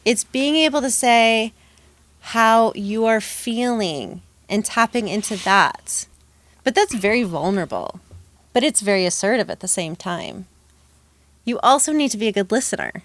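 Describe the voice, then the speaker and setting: A woman's voice: fairly high pitch, expressive, moderate pace. A woman who works as a dating coach, giving confident, emphatic advice in a casual podcast conversation.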